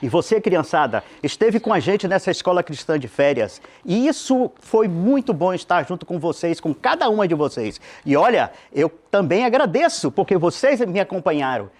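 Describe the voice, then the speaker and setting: A man voicing a friendly desert guide who turns out to be Jesus, speaking in a warm, inviting way. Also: high voice, very animated, moderate pace, hardly any pauses. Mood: gentle. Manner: warm, inviting, sing-song.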